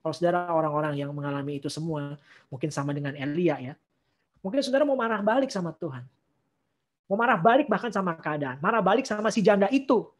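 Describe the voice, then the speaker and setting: A woman's voice: on the low side, quick pace. A woman giving a casual online sermon. She mixes in slang and English phrases and acts out the people in the story with playful voices. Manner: lively, acts out Bible figures in playful voices. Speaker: preacher.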